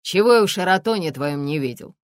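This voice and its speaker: A sly, jovial police lieutenant colonel, as a woman reads him in an audiobook, teasing in folksy banter. His voice sits low and swings widely, loud and lively. The sound is dry and close. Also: brisk, no echo, natural voice. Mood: jovial mocking.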